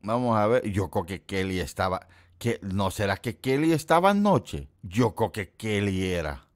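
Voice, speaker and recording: A man's voice: sing-song, normal speed. Chatty man hosting a livestream. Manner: chatty, jokes and teases his chat; quotes people in a put-on high voice. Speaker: livestream host. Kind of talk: casual chat with live viewers.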